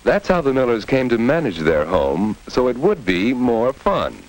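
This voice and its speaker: A man's voice: mid-range voice, very animated, normal speed, background noise. A man narrating a mid-century educational film in a scripted, instructive 1950s narrator style, addressing the viewer directly on a vintage soundtrack.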